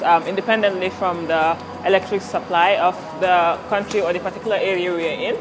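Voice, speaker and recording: A young woman from Gambia, a company director, giving a relaxed, friendly tour of her office and explaining her work. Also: fairly low pitch, poor audio. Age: young adult.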